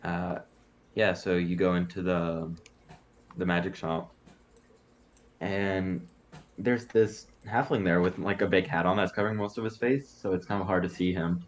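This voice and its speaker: A man narrating as game master in a casual, halting way with fillers. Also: low voice, fairly even intonation, a little hiss or hum.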